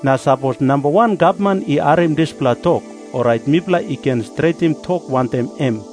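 Man as higher-voiced scheming priest, Papua New Guinea pidgin. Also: moderate pace, darkish tone, lightly acted. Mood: instructing, scheming. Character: scheming male chief priest giving orders. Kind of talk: dramatized scripture reading. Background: music behind the voice.

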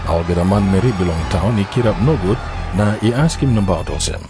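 A man's voice: low-pitched, animated, a little fast, over music. A man with a Papua New Guinean accent narrating a dramatised Bible story from a script. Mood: measured narration. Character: calm male narrator of a gospel story.

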